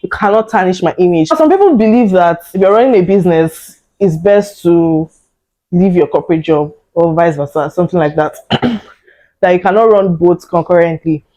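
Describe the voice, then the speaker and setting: A woman's voice: on the low side, normal speed, warm tone, poor audio. A woman, hosting a friendly, conversational interview with a friend. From Nigeria. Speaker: host. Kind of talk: casual interview chat.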